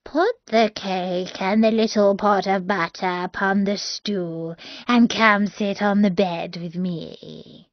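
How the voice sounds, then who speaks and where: A woman's voice: mid-range voice, steady tone, takes it slowly, no echo, dull audio, natural voice. A woman voicing a hungry, scheming male wolf who tries to sound sweet, in a storybook reading. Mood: sly. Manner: sly, fakes a sweet voice.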